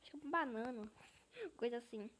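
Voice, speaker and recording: A young woman with a Brazilian Portuguese accent chatting excitedly while she plays an online game, reading chat and dropping into whispers. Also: on the high side, fast talker. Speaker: gaming YouTuber. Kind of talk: casual gameplay commentary. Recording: noisy home recording.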